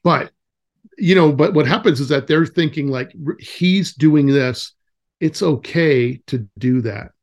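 A man who is a guest forest educator in a casual podcast conversation, animated and acting out the voices of kids and parents. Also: a little high, measured pace.

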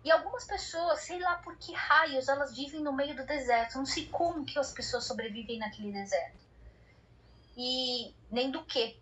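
A woman, a cycle traveler telling a story as an interview guest, animated and often restarting her sentences. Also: high-pitched, moderate pace, dull audio. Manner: animated, many restarts, acts out her own past words.

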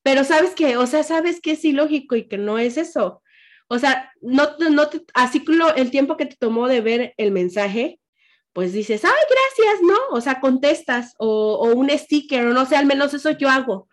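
A middle-aged woman with a Mexican accent, hosting a podcast and chatting casually in an animated way, with lots of fillers and quoted asides. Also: high-pitched, normal speed. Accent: Mexican Spanish. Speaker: podcast host. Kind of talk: casual chat.

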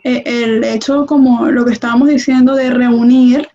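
High-voiced chatty woman. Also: moderate pace. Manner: chatty, animated storyteller. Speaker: host. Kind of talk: conversational interview. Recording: dull lo-fi sound.

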